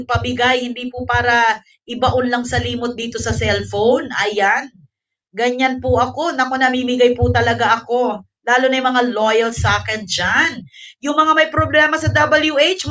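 High bright woman host on a live stream, kinda out of breath, chatty, a bit away from the mic. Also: recorded from a distance. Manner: chatty, thanking viewers and giving gifts; mixes English into Tagalog. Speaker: livestream host. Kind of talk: casual livestream chat.

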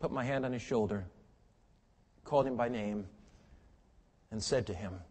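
Older male pastor, sermon delivery, loud emphatic peaks and hushed storytelling, long reverb off a big hall. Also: medium pitch, normal speed. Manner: impassioned preaching that swings from loud emphatic peaks to quiet storytelling.

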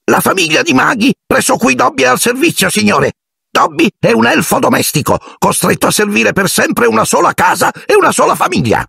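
A wailing, groveling male house elf with a piercing, squeaky voice. His pitch swings wildly with a gravelly edge, and the sound is close and dry. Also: huge pitch swings, fairly quick, sharp tone, no room sound, exaggerated voice. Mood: fretful. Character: shrill, tearful, servile male house elf. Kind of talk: audiobook character voice.

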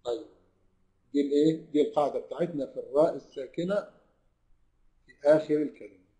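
A man with an Egyptian Arabic accent teaches tajweed to an online class, asking his students questions, answering them himself, and drawing out recited verses slowly. His voice is on the high side and warm. The audio is poor.

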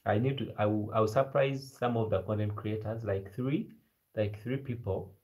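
A man in his twenties with a Kenyan-sounding East African accent, chatting casually and haltingly as a live stream host, repeating his phrases. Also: on the low side, darkish tone. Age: 20s. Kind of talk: casual live chat with viewers. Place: small bedroom indoors. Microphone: phone at arm's length.

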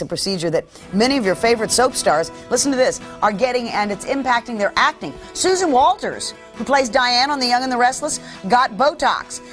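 A woman's voice: on the high side, a bit bright. A woman TV host, friendly and chatty. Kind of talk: TV show host chat.

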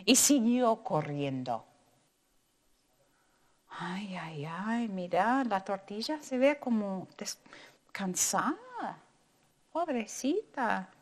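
A woman teacher reading a storybook to children, expressive and asking them questions as she goes. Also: medium pitch, drawn-out words, pauses often. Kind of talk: storybook read-aloud for children.

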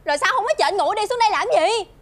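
An actress playing an irritable, sharp-tongued young woman who scolds and snaps. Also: very high voice, animated, quick pace. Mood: irritated. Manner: snappy, scolding. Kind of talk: web drama acting. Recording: noisy ambient background.

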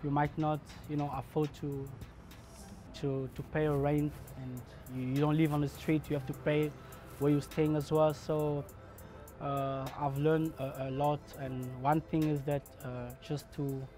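A man's voice: fairly high pitch, flat delivery, unhurried, mellow, soft background music. A man in his thirties, a barbershop owner, speaking in a documentary interview in his shop, hesitant with many restarts and fillers. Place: barbershop, indoors.

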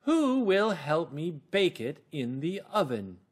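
A man voicing a determined, hard-working female hen from a storybook, with emphatic, carefully drawn-out words. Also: fairly high pitch, big pitch swings, slightly rough, pitched above the performer's own voice, heavily acted. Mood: asking hopefully.

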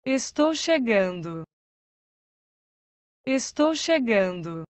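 Slow, high woman's voice reading phrases. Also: big pitch swings, no room sound. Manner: says each phrase twice, carefully. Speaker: language lesson voice.

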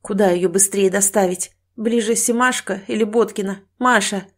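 A woman's voice: medium pitch, steady tone, normal speed, close to an everyday voice. A decisive older husband speaks in short, commanding bursts, as a woman narrator reads his lines. The audiobook voice stays close to her own. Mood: firm. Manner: brusque, commanding.

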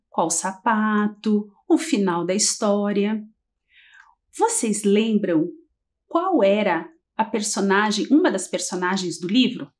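On a TV literacy lesson for early-grade children, a Brazilian woman teacher with a mid-range voice speaks in a slow sing-song. She stretches out syllables as she counts letters.

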